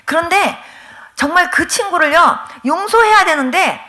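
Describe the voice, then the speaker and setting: A middle-aged woman pastor from Korea telling her testimony in a revival sermon, animated and emphatic, acting out the people she quotes, often near tears. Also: extremely high pitch, moderate pace.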